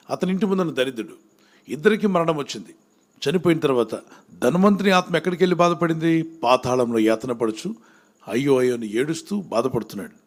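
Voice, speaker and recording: A man preaching a sermon, often stopping to ask his listeners questions and urging them to answer louder. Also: medium pitch. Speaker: pastor. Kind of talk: sermon with call-and-response questions to the congregation.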